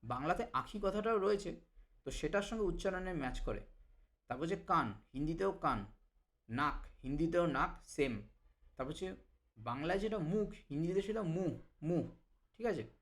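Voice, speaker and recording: A man teaching Hindi vocabulary to Bengali speakers, explaining each word and repeating it slowly. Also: fairly high pitch, lively intonation, fairly bright tone. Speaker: language teacher. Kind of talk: vocabulary lesson.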